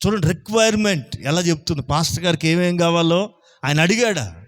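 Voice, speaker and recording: A male pastor delivers a Sunday sermon with emphatic force. His voice sits fairly high, and he keeps asking the congregation whether they are listening. He presses each point home. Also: expressive, a little fast.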